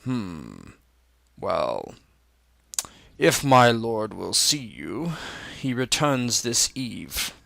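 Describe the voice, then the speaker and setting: A man's voice: on the low side, huge pitch swings, very slow, vocal fry, fairly bright tone, no room sound, exaggerated voice. A game master voicing a stern, heavily armored male castle guard whose metallic voice is muffled by his helmet, speaking in a curt, guarded way. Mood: suspicious.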